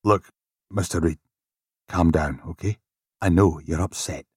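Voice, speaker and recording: A steady detective sergeant talks calmly, trying to settle things, in a fairly low voice. A narrator voices him in near his own tone. Dry, close sound. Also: measured pace, husky, no echo, exaggerated voice. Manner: placating.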